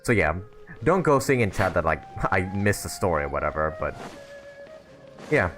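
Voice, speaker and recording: A man with a low-pitched, fairly bright voice hosts a casual game livestream, rambling and thinking aloud as he chats with viewers. His pitch swings widely and he talks at a normal speed, with game music playing behind him.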